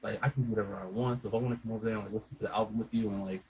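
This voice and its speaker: A man telling a rambling, animated story in casual chat, swearing a lot and acting out what everyone said. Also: fairly low pitch, rapid-fire, a little hiss or hum, rough recording. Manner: rambling, animated retelling with lots of swearing and quoted dialogue.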